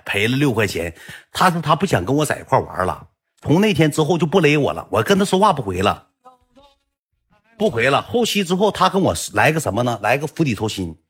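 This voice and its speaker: A man's voice: on the high side, a bit bright, breathy edge. A young man with a Northeastern Mandarin accent telling stories in a blunt, chatty way on a livestream. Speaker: livestream storyteller. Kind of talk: casual storytelling livestream.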